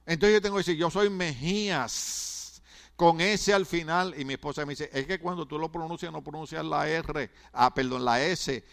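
A man's voice: fairly high pitch, moderate pace, vocal fry, fairly bright tone. A man, a pastor preaching a sermon in a conversational, humorous way, often stammering and restarting his words.

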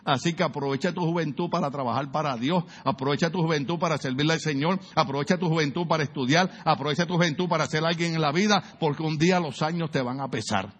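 Husky, high-voiced Puerto Rican pastor. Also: male voice, fast talker, few pauses, fairly bright tone, highs cut off. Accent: Puerto Rican Spanish. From Puerto Rico. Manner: storytelling, asks the congregation questions, acts out voices. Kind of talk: humorous sermon.

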